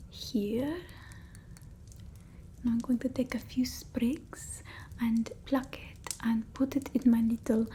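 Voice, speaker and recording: Speaking in a high, breathy whisper, a woman roleplays a forgetful, eccentric female vampire who makes potions using old-world folk remedies. Her Eastern European accent is put on, and this soft-spoken ASMR performance drifts along in slow, halting, absent-minded rambling.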